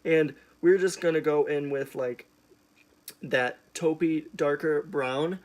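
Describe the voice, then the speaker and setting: A man's voice: on the high side, fairly even intonation, slow pace. Man, young adult, sassy drag queen manner, emphatic, casual makeup tutorial talk. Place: indoors, small room at home.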